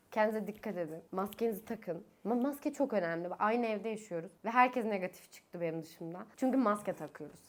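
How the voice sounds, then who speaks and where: A woman's voice: medium pitch, slight background noise. A young woman in her twenties chatting casually to camera from her bedroom while speaking through a face mask. She is tired and has a sore throat, coughs, laughs often, and her voice climbs when she gets annoyed. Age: 20s. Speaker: vlogger. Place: her own bedroom, indoors.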